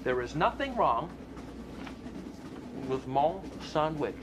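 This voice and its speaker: A man's voice: on the high side, big pitch swings, takes it slowly. An actor playing a teasing, mock-grand man in a comedy drama, with playful, exaggerated delivery. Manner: theatrical, playful, exaggerated swoops. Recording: noisy ambient background.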